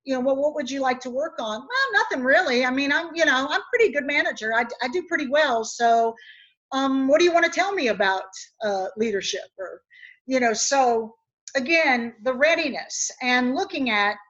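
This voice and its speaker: During a webinar discussion, a woman from West Virginia who coaches executives tells anecdotes to earnestly drive home her points. She speaks at a moderate pace in a high, animated, fairly bright voice, over dull lo-fi audio.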